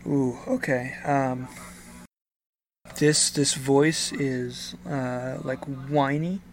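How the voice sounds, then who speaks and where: A man narrating a tabletop role-playing game as game master, improvising with a hesitant, halting delivery. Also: mid-range voice, fairly even intonation.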